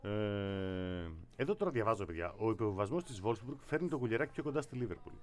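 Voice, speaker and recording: A man co-hosting a sports show, chatting casually and reading headlines aloud with his own running commentary. His pitch moves a lot, rising and dropping as he teases his partner. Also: animated. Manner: teasing, reads news aloud with commentary.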